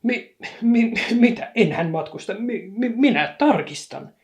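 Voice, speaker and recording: A woman's voice: medium pitch, fairly even intonation, a little mellow, pitched above the performer's own voice, close to an everyday voice. A woman doing a stammering fussy conductor. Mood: officious. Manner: stammering, huffy, official-sounding. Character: fussy officious male train conductor.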